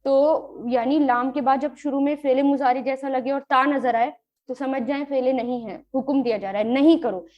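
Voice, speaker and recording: A woman teaching a Quran grammar and tafseer lesson, glossing each word slowly and mixing in English terms. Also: sits high, fairly even intonation, highs cut off. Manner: slow, drawn-out word-by-word glossing with rhetorical questions; mixes English terms into explanations.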